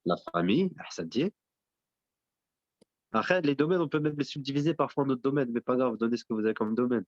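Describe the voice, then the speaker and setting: A man's voice: medium pitch, lively intonation, a little fast. Guy teaching a class, keeps quizzing students and echoing their answers, dry dull lo-fi sound. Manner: mixes in Arabic religious terms. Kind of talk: interactive classroom lesson.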